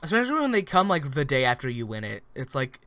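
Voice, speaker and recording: A man's voice: medium pitch, big pitch swings, pushed and bright. Sarcastic man recapping on a podcast. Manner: laughs easily, sarcastic asides, halting restarts. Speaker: podcast co-host. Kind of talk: casual wrestling recap chat.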